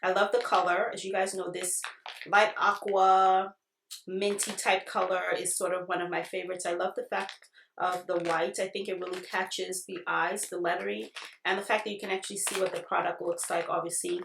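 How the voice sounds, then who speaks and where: A woman's voice: lowish voice, level tone, moderate pace, gravelly, fairly bright tone, a little hiss or hum. Echoey, chatty woman reviewing a product. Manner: chatty, addresses viewers directly. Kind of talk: casual video product review to viewers. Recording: echoey, roomy sound.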